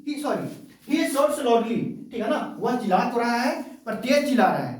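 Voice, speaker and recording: A woman teaching a grammar lesson to a class, repeating each point slowly and asking rhetorical check questions. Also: on the high side, very animated, darkish tone. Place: classroom with students. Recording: very echoey room, voice from far off.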